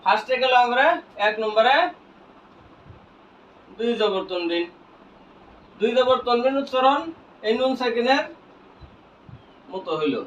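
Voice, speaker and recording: A man teaching Quran reading, who asks each point as a question, answers it himself, and spells out letters slowly. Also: very high-pitched, animated, fairly bright tone, a little hiss or hum. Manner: slow, drawn-out spelling of letters. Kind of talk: classroom lesson with call-and-response questions. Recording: echoey, distant, dull lo-fi room sound.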